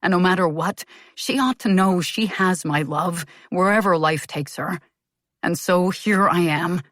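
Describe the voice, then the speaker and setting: A woman voicing a calm, tender male suitor who murmurs softly. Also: lowish voice, unhurried, dry recording, clean studio sound. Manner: soft, murmuring. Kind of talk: audiobook character voice.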